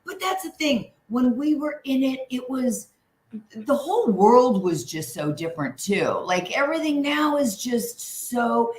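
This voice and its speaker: A woman's voice: high voice, sing-song, unhurried. A woman co-hosting a podcast, reminiscing in a chatty, casual way. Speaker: podcast co-host. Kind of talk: casual chat. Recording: echoey room, faint background noise.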